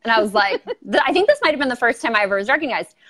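A woman with a Valley Girl accent talks casually and self-deprecatingly as a guest. Her fairly high voice swings lively up and down, with giggles and frequent filler "like". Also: rapid-fire. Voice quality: can be loud. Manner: valley girl talk, heavy use of like. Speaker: interview guest, online video creator. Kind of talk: casual chat.

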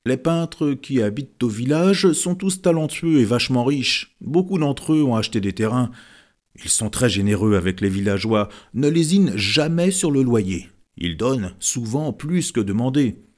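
A man's voice: mid-range voice, animated, normal speed, darkish tone, lightly acted. A man voicing a cheerful, chatty male villager who talks enthusiastically and gossips. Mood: enthusiastic.

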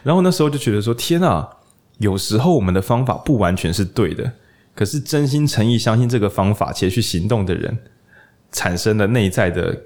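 Taiwanese guy hosting a podcast, talks fast, lively storyteller who acts out the voices. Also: lowish voice. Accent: Taiwanese Mandarin. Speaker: podcast host. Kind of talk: casual podcast chat and storytelling.

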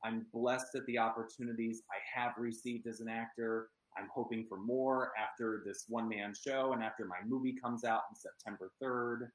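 A man's voice: medium pitch, steady tone, moderate pace, few pauses, reverberant, low-quality recording. A man from Pennsylvania talking as an actor in an interview, earnest and chatty with many ums. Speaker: actor and guest. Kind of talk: casual interview chat.

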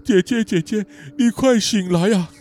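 A man's voice: high-pitched, normal speed, darkish tone, lightly acted. A man voicing a timid, childlike young man who whimpers. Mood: whimpering.

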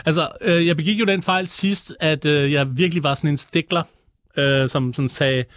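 A man's voice: on the high side, fairly bright tone, no echo, studio quality. A man on a music panel telling stories casually, in a rambling way padded with repeated filler phrases. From born in Detroit. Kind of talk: casual storytelling chat.

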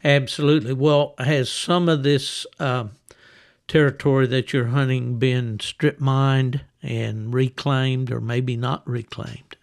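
Slow, gravelly male podcast host. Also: medium pitch, level tone. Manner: explanatory, scene-setting, unhurried. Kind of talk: conversational interview.

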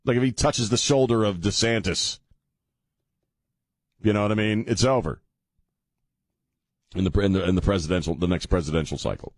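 A middle-aged man hosts a talk radio show from a radio studio, delivering a casual monologue that rambles, turns sardonic, and often restarts mid-sentence. His voice is lowish and his speed normal, with long pauses, recorded on a studio microphone without echo.

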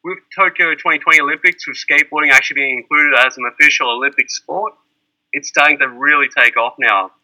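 A man's voice: fairly high pitch, fairly even intonation, fast, bright, forceful tone, rough recording. An Australian man chatting casually, rambling through lists with plenty of fillers. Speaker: skateboarding teacher in Japan. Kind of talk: casual chat.

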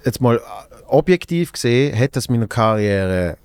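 A man's voice: mid-range voice, lively intonation, moderate pace, a little mellow, smooth, no echo. A man with a Swiss German accent, a stand-up comedian on a podcast, rambling and thinking aloud in a casual chat.

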